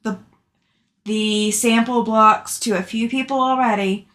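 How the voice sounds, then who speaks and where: A woman's voice: on the high side, fairly even intonation, measured pace, a bit bright. A chatty woman hosting a sewing livestream, talking casually and affectionately to viewers as she answers their comments. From Alabama, southern US. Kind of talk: casual chat, reading out and answering live comments.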